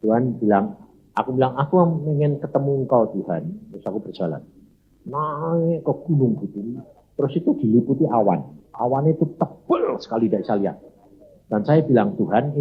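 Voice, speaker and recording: Older male pastor, husky, lively sermon storyteller who shouts quotes. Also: medium pitch, highs cut off. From Indonesia. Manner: animated, shouting acted quotes.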